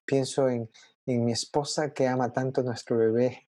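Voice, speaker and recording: A young adult man preaching a sermon in a conversational, expressive way, often checking in with his listeners. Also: medium pitch, normal speed, no room sound.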